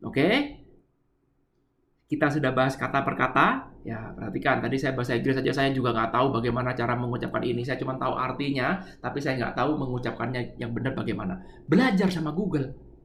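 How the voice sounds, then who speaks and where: A man's voice: mid-range voice, quick pace, a bit bright, roomy sound, a little hiss or hum. A middle-aged man giving a spiritual lecture, explaining a poem line by line and having listeners repeat words. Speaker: spiritual teacher.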